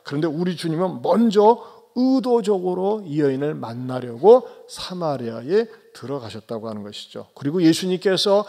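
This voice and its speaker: A male pastor with a high-pitched voice delivers a Sunday sermon. He questions his listeners and calls on them directly, dropping to hushed, low remarks before rising into loud, urgent exhortation. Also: animated, normal speed, few pauses. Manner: swings between soft low asides and loud raised exhortations; questions and addresses the congregation directly.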